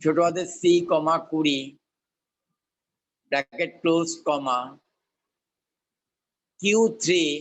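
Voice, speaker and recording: Man, Bengali accent, teacher dictating to class, slightly high pitch, very slow pace, repeats phrases. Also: fairly even intonation, poor audio. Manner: dictating slowly word by word, repeating and spelling out.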